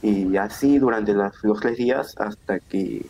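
A young man, a wrestler chatting in an interview, excitable and rambling. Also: on the low side, a little slow, husky, dull audio. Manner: excitable, acts out quotes, rambling restarts. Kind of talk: casual interview.

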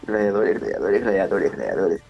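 A young man, a wrestler chatting in an interview, excitable and rambling. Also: sits low, normal speed, creaky, breathy edge, muffled recording, soft background music. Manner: excitable, acts out quotes, rambling restarts. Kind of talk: casual interview.

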